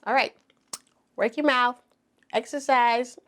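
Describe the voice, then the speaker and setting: A woman's voice: fairly high pitch, steady tone, takes it slowly, fairly bright tone, a little hiss or hum. A woman teaching preschoolers in a kindergarten teacher voice, encouraging, with simple step-by-step phrases for small children. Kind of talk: preschool circle-time lesson for toddlers.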